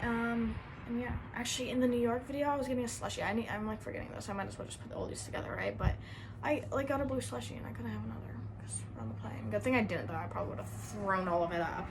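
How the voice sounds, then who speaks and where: With a voice on the higher side, a young woman rambles chattily through a casual vlog, filling gaps with "um" and "like." The background is noisy.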